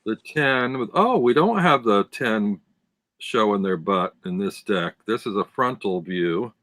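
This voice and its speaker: A man with a low voice chats slowly and enthusiastically on a live stream. He lingers over details. The sound is dry and close. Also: animated, a bit bright, no room sound. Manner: chatty, enthusiastic, describes details. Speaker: tarot deck reviewer, co-host. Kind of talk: casual live-stream chat.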